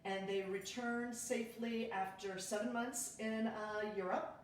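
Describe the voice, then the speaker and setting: A woman's voice: on the high side, fairly even intonation, measured pace, distant mic, a little hiss or hum. Chatty woman in an echoey kitchen. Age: 30s. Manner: chatty, bubbly, greets viewers by name. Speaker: realtor and livestream host. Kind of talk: casual livestream chat. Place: home kitchen. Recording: echoey room, from off-mic.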